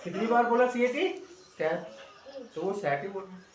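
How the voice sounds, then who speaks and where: High-pitched and at a normal speed, a middle-aged male teacher leads his class, coaxing the pupils with one check-in question after another, especially "है ना?". Faint noise and echo come through from a distant mic.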